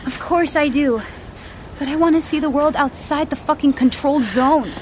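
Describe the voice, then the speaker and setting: Actress as bold young daughter, really high voice, earnest n stubborn, audio drama, slight noise. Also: female voice, normal speed, close to an everyday voice.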